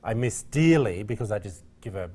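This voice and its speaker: A man's voice: fairly low pitch, lively intonation, normal speed, dark tone. A man co-hosting a midday TV talk show who jokes, teases his co-hosts and rambles in casual studio chat. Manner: joking, teasing, rambling.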